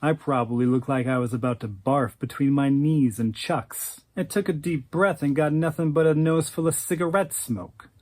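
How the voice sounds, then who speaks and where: A man's voice: on the high side, moderate pace, hardly any pauses. A man narrating an oral history with vivid, wry storytelling.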